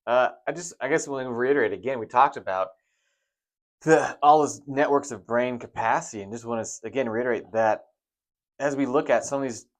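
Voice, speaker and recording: A man who is a doctor and co-hosts a podcast, explaining things in a relaxed way. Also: mid-range voice, brisk. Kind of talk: casual podcast chat.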